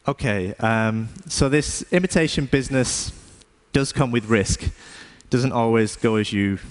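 A man from the UK, an artist giving a staged talk in a wry, unhurried way. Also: medium pitch.

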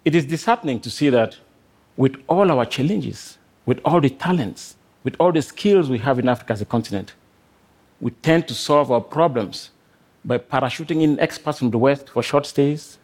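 A middle-aged man from Cameroon, a scientist giving a prepared talk on stage, speaking earnestly in short measured phrases. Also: mid-range voice, a little mellow. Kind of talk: prepared talk to a live audience.

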